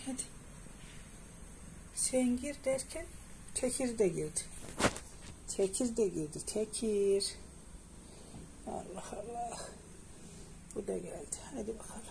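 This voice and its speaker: A woman at home talking to her cats in a casual, coaxing, affectionate way, soft and murmured. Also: medium pitch, vocal fry, a little hiss or hum. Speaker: cat owner filming her cats. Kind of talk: casual talk to pets. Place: indoors at home among many cats.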